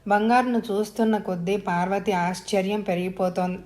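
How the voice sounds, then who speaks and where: A woman storyteller reading an audio story in a steady, even narration. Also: medium pitch, fairly quick.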